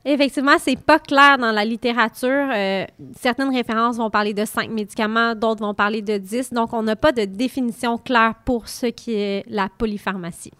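A woman's voice: fairly high pitch, steady tone, normal speed, few pauses, fairly bright tone, no echo. A woman with a Quebec French accent, speaking as an expert guest and explaining methodically in an interview. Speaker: guest pharmacist.

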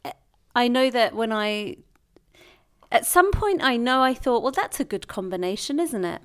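A woman's voice: fairly high pitch, lively intonation, normal speed, smooth. A young British woman in casual conversation, chatty and playful, often restarting her sentences. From Britain. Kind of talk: casual chat.

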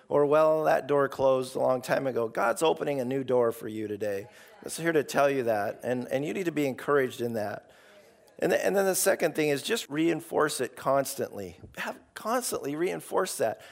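Gravelly, creaky-voiced male preacher. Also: fairly high pitch. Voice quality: gravelly, hoarse. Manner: informal, emphatic, acts out imagined replies. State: voice starting to give out. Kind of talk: sermon, conversational exhortation to a congregation.

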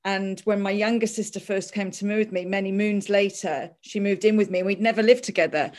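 A woman's voice: medium pitch, fairly even intonation, fairly quick, darkish tone. An Irish woman hosting a podcast, talking casually with many fillers and easy laughs. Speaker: podcast host. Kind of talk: casual interview chat.

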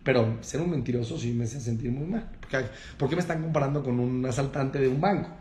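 A rabbi, giving a lively talk to an audience and acting out the people he quotes in changing voices. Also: mid-range voice, fairly quick. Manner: acts out quoted people in shifting voices, addresses audience directly. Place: room with a live audience. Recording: echoey room with faint ambient noise.

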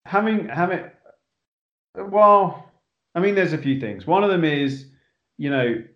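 A man who directs films, talking earnestly as a podcast guest, with many restarts. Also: medium pitch. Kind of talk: casual interview talk. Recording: echoey, dull remote line.

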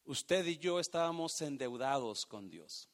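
A man preaching a sermon, swinging from hushed, drawn-out phrases to loud, emphatic bursts. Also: fairly high pitch, expressive. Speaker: pastor.

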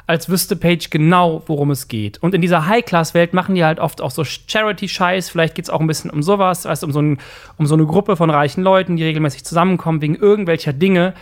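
A man's voice: on the high side, fast talker. A man in a casual podcast chat, explaining his view with confident, concrete examples. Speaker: podcast co-host.

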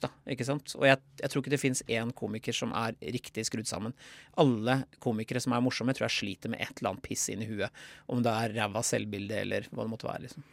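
A man, a stand-up comedian from southern Norway, chatting as a podcast guest, laughing often and bursting into loud mock quotes. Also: mid-range voice, vocal fry, no echo. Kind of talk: casual podcast interview.

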